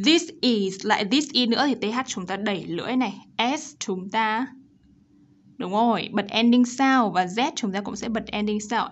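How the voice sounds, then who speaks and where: A woman teacher with a Vietnamese accent explaining pronunciation and reading model sentences slowly and clearly. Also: medium pitch. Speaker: English teacher. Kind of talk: pronunciation lesson. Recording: dull lo-fi recording.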